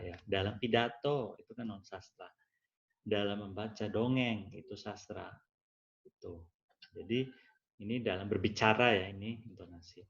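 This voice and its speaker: Man lecturing with fillers, lo-fi audio. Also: fairly low pitch. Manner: conversational, loose delivery with many fillers and self-corrections. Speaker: university lecturer. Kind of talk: recorded online lecture. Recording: dull lo-fi audio.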